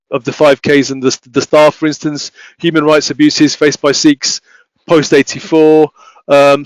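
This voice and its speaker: A man giving an academic talk, speaking haltingly with many restarts and fillers. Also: a little high, dry recording, low-quality recording. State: voice failing, coughing. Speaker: academic researcher presenting.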